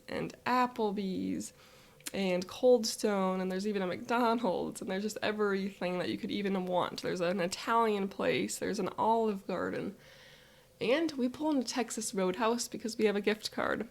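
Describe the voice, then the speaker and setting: Woman, middle-pitched, for a guided visualization told in an upbeat first-person present-tense scene. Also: creaky. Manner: upbeat, vivid, unhurried present-tense storytelling.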